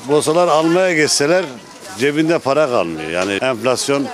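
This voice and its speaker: A man's voice: mid-range voice, a little fast. A man speaking argumentatively in a street interview at an outdoor market. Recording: busy outdoor market crowd.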